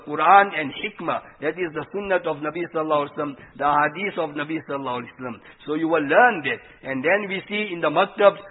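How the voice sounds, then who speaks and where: Husky man preaching, dull recording. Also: on the high side. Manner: earnest, didactic, asking rhetorical questions. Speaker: Islamic preacher. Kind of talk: informal religious sermon, explaining and translating quotations. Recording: dull, lo-fi radio-like sound.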